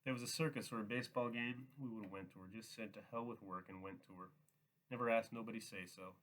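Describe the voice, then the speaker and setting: A man's voice: lowish voice, fairly even intonation, quick pace, fairly bright tone, natural voice, poor audio. A man reading a worried old ranch hand. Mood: pleading. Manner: pleading, repetitive questions.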